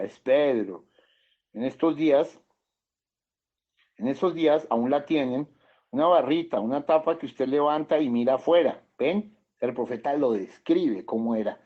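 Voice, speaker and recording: In a church hall, a male pastor with a Colombian Spanish accent and a medium-pitched voice preaches a sermon, reading scripture passages aloud and then commenting on them with chuckles and questions. The church recording is dull and lo-fi.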